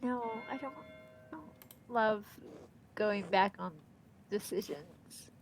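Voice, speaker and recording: Soft background music plays as a woman with an allergy-congested nose streams a game, chatting casually and eagerly reading its lines aloud. She's a let's play streamer with a medium-pitched voice who speaks slowly.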